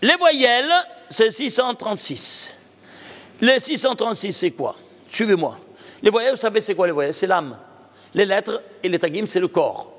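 A high-voiced rabbi teaches a Torah lesson with great animation at a normal pace. He repeatedly poses questions and answers them himself, checking that his class is following. His voice rings through a hall with a long, trailing reverb.

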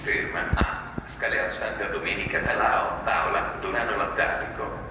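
Man, train station announcement, loudspeaker, distant, heavy echo. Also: on the low side, fairly even intonation. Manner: measured, formal announcing. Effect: public address loudspeaker. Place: outdoor railway platform. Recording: echoey loudspeaker from far, loud noise. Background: loud station and vehicle noise.

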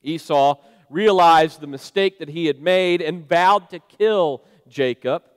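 A man's voice: fairly high pitch, takes it slowly, clean tone. A man preaching a sermon in a conversational, storytelling way, with frequent fillers. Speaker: pastor. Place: church sanctuary. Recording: long church reverb.

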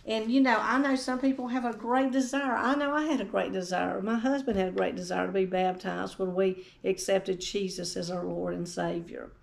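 A woman's voice: medium pitch, steady tone, moderate pace, creaky, few pauses. Earnest woman preaching a sermon. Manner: earnest, reads scripture aloud and tells a personal testimony. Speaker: pastor.

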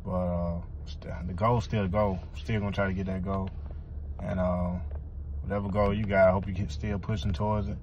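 A man, talking in a casual, low-key motivational vlog style with a gravelly voice into a phone. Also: level tone, normal speed, a little mellow. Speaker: fitness challenge vlogger. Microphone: phone at arm's length. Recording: dull phone audio with background noise.

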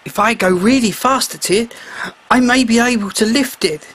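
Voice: mid-range voice, normal speed, fairly bright tone, voice pushed up, natural voice. A storyteller voicing a helpful shark who was once a cursed mer boy, speaking earnestly in a shadow puppet tale. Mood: determined.

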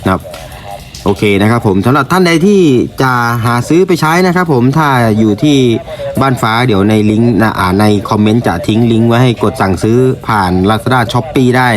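A man giving a polite, informal product presentation as a shop presenter, explaining and repeating his points. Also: mid-range voice. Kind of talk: informal product review to camera. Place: indoor room used for recording videos. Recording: clear background noise in room.

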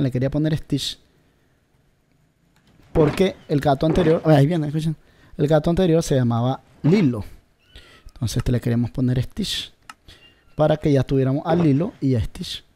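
A man's voice: fairly high pitch, moderate pace, long pauses, dark tone, slight background noise. A man giving casual gameplay commentary, talking straight to his viewers and searching aloud for words. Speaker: gameplay video creator.

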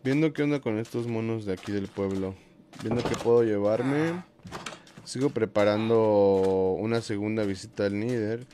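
A man's voice: lowish voice, moderate pace, mellow, a little hiss or hum. Joking Mexican man streaming a game. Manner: joking, swears freely, talks to chat. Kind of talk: casual live-stream chat while playing. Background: game music.

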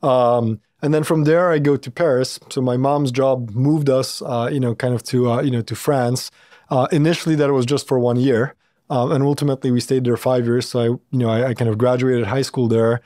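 A man in his thirties who grew up in Poland, a company founder talking as a podcast guest, thoughtful and full of fillers and restarts, recorded on a boom-arm studio mic. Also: steady tone, brisk, dark tone, no room sound. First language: Polish. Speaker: startup founder and CEO, guest. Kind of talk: casual interview talk.

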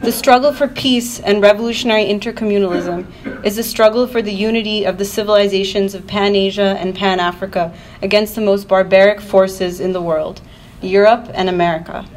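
Reading a prepared political speech to an audience at a university event, an activist panel speaker delivers earnest, emphatic declarations briskly, her mid-range voice fairly even in intonation. The live event room recording picks up noise.

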